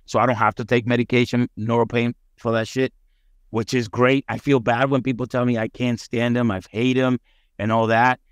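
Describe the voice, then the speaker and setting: Middle-aged guy on a podcast, upbeat and rambly, cusses a lot, mid pitch, dry close sound. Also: level tone, normal speed, no room sound. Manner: upbeat, rambling, swears freely. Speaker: firefighter guest. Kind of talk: casual podcast storytelling.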